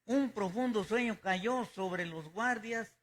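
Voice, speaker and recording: A man's voice: sits high, takes it slowly. A male pastor preaching a sermon, emphatic and repeating his key phrases.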